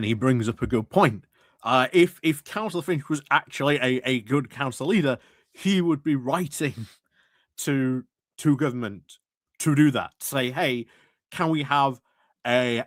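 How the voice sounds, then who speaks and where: A man hosting a stream offers rambling, sardonic commentary on local politics and council meetings, restarting often and chuckling. His voice is medium-pitched and fairly bright, a little slow, recorded with studio quality and no echo.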